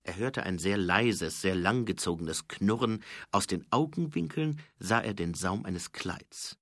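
A man reading a novel aloud as an expressive audiobook narrator with a dry, storytelling delivery. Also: lowish voice, measured pace, no room sound. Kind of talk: scripted narration.

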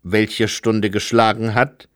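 A man playing a cold, suspicious official from a storybook, sharp-voiced and clipped. He speaks slowly and flatly, as if reading from a list. The sound is dry. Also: on the low side, no room sound. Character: cold, suspicious gray-suited male official.

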